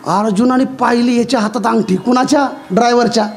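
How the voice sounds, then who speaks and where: A man tells a devotional story as a preacher, joking and questioning his listeners. His voice is very high for a man, and instrumental music plays clearly behind him. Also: fast talker. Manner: humorous, asks the audience questions.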